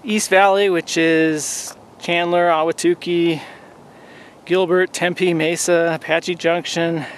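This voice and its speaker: A man in his forties talks to a camera held at arm's length from a desert mountaintop, his voice pitched a little high for a man. He rambles along in an easygoing way with frequent ums. Faint outdoor noise sits behind him. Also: takes it slowly. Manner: relaxed, rambling with many ums. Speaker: hiking vlogger. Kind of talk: casual outdoor vlog.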